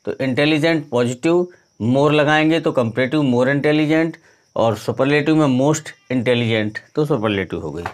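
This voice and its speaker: A man's voice: mid-range voice, unhurried. A middle-aged man teaching English grammar in a video lesson, who keeps asking the viewer questions and then answers them himself. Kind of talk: explanatory classroom lesson.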